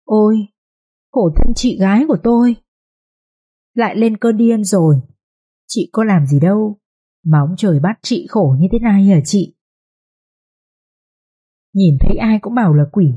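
A woman's voice: fairly low pitch, expressive, brisk, pauses often, mellow, slightly rough. A woman voicing a scheming second wife who speaks in a falsely sweet, coaxing voice in an audio story. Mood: falsely pitying.

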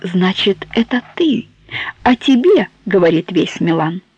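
A woman reading the lines of a calm, tender young man, a lecturer, in a quiet, gentle manner, in a storybook reading. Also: lowish voice, measured pace, slightly rough, no room sound, heavily acted. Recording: dull, dry close recording.

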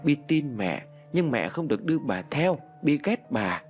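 A man's voice: fairly high pitch, very animated, measured pace, soft background music. A man doing a sulky little ghost girl. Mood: pleading. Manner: childish, pleading and stubborn. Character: ghost of a small girl, clingy, sulky, tearful.

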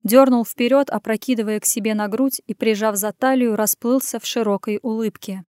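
A woman reading a first-person audiobook as the heroine, with lively dialogue. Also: on the high side, brisk, clean tone, dry recording, clean studio sound. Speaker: audiobook narrator.

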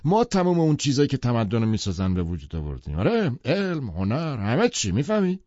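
A male narrator voicing a brash, opinionated wealthy man who lectures forcefully. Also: medium pitch, huge pitch swings, no room sound, muffled recording, voice pushed up. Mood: blustering.

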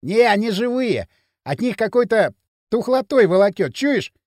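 A man's voice: high voice, big pitch swings, moderate pace, a little mellow, dry recording, studio quality, pitched above the performer's own voice. A man voicing a brash, cocky young man who jeers and bosses his friend in loose street talk. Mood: swaggering.

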